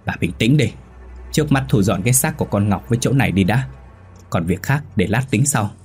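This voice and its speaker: A man voicing a scheming old master of the house who gives calm orders. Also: lowish voice, fairly quick, slightly rough, soft background music.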